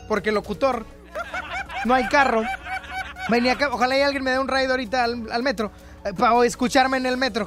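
A man with a Mexican accent hosting a radio show, chatting in a playful, teasing way and repeating lines for laughs. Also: extremely high pitch. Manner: playful, teasing, repeats himself for comic effect. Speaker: radio host. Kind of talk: casual radio chat. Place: radio studio. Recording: music playing clearly behind.

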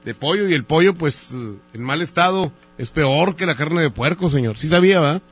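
A man's voice: a little high, lively intonation, normal speed, a bit bright, husky. A Mexican-accented man playing a fake customer who complains over the phone about bad chicken in a prank call. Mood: complaining.

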